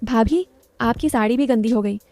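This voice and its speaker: A woman's voice: a little high, moderate pace, darkish tone, faint music behind, lightly acted. A woman voicing a shy, hesitant young male student in a storybook reading. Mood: polite.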